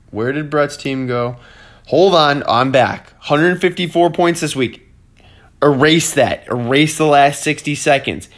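A man's voice: medium pitch, fairly bright tone. A young man giving casual, profane fantasy football rundowns on a laptop, ranting and mocking himself. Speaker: fantasy football league commentator. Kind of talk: casual chat.

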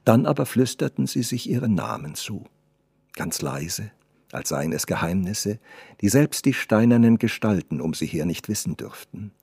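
Husky-voiced male audiobook narrator. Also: lowish voice, no echo, clean studio sound. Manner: measured, expressive storytelling. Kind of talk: scripted narration of a classic novella.

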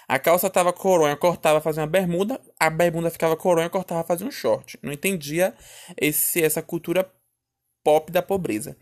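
A man's voice: on the high side, steady tone, fairly quick. A young man with a Northeastern Brazilian accent, telling a personal story in a chatty, dramatic way and often speaking straight to the listeners. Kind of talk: casual comic storytelling.

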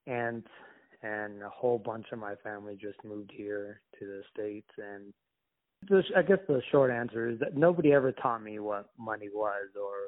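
A young man from Somalia answers interview questions in a halting, reflective way, often restarting his sentences. His voice sits a bit low. It comes through a thin, phone-like call line. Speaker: interview guest. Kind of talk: casual conversation.

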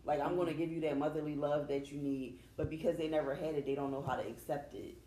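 A woman's voice: low-pitched, steady tone, fast talker, mellow. A woman guest on a casual chat, candid and laughing as she talks. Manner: candid, laughs while telling. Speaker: podcast guest. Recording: echoey room with faint noise.

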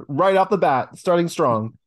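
A man's voice: a little high, expressive. Sassy, playful podcast co-host, man. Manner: playful, sassy, quick to laugh. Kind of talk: casual chat.

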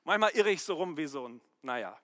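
A middle-aged man preaching a sermon, swinging from quiet, measured talk to loud, emphatic outbursts. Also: a little high, expressive, dry recording, studio quality, long reverb tail.

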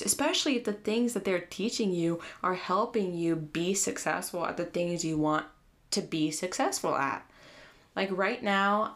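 A young woman with a slight lisp, hosting a casual solo podcast and giving earnest advice in a chatty way. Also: medium pitch. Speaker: podcast host.

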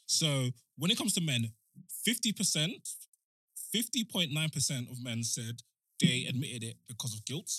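A man's voice: medium pitch, animated, moderate pace, fairly bright tone, husky, no echo, rough recording. A young man with a London accent, co-hosting a podcast in casual chat and reading out figures. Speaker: podcast co-host.

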